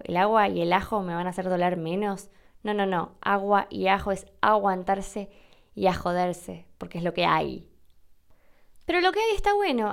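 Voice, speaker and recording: Woman, podcast host, casual chat, smooth clear tone. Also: mid-range voice. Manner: chatty, joking, animated delivery. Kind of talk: casual podcast monologue, reading a listener email.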